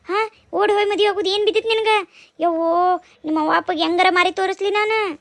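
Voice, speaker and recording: A woman voicing a furious, scolding middle-aged aunt in a cartoon, speaking with a North Karnataka Kannada accent in a shrill, threatening way. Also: steady tone, a little fast, a bit bright, dry recording. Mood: angry scolding. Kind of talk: cartoon dubbing.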